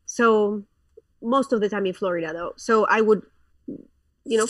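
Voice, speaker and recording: A woman's voice: medium pitch, normal speed, a bit bright, dry recording, distant mic. A woman in her thirties from Colombia, a pastor, talking frankly as a guest in a casual interview, with lots of fillers and restarts.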